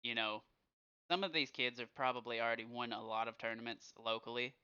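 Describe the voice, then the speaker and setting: A man co-hosting a podcast in casual chat, encouraging and quick to give shout-outs. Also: medium pitch, steady tone, clean tone. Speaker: podcast co-host. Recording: dull lo-fi sound.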